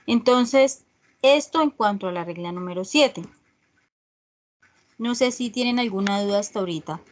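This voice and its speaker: A woman teaching an online English class, explaining rules slowly and checking in with her students often. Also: medium pitch. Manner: slow, repeats "¿sí?" checks with students. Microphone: video call.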